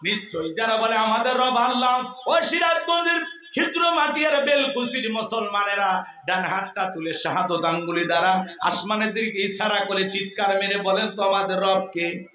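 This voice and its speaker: High-voiced male preacher, fiery crowd sermon, shouts and chants, echoey PA sound. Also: moderate pace, background noise. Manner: shouts, chants verses, questions the audience. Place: open-air religious gathering. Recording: echoey public-address sound.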